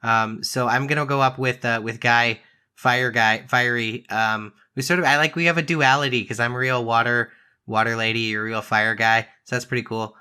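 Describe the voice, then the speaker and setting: Man, player, tabletop game, casual, excitable, rambling, bright voice. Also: medium pitch, normal speed, clean tone. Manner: excitable, rambling, laughs easily.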